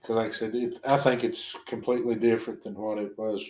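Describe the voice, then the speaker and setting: In a casual interview, a middle-aged former basketball coach turned school principal, speaking with a Southwest Virginia accent, answers briefly and plainly. His fairly low, slightly mellow voice moves a little fast with little pitch change. The sound is roomy, with slight background noise.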